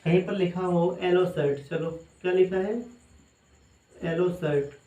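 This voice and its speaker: A man's voice: sits high, steady tone, a little slow, dark tone. A male teacher gives a lecture, asking questions and answering them himself, and repeating them often. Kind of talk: classroom lecture. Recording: echoey room.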